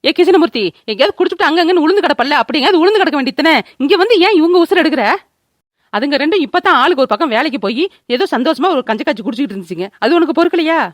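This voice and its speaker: A woman voicing a sharp-tongued village woman neighbour, bossy and scolding. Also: high voice, lively intonation, dry recording, studio quality. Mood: berating. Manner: scolding, bossy, rapid-fire. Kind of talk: cartoon voice acting.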